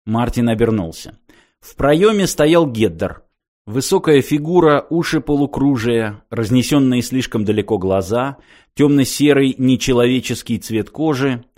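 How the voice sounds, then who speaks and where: A man reading a novel aloud in an even, measured storytelling voice. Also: mid-range voice. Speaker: narrator. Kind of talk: audiobook narration.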